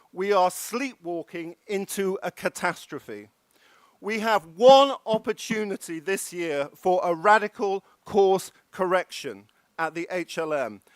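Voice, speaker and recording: A man's voice: high-pitched, a bit bright, clean tone, no room sound. A man delivering an impassioned, emphatic formal speech with rhetorical questions. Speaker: keynote speaker.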